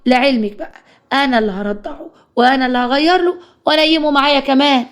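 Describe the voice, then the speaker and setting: A woman's voice: sits high, fast, natural voice. A woman voicing a domineering, possessive widowed mother-in-law who scolds and gives orders, with an Egyptian accent. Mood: scolding. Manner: bossy, scolding.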